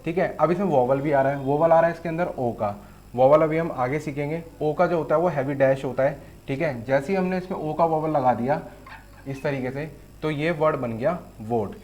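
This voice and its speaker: A man's voice: on the high side, moderate pace, darkish tone. Patient male shorthand teacher. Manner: patient, explains step by step with frequent "theek hai". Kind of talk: online lesson with board demo.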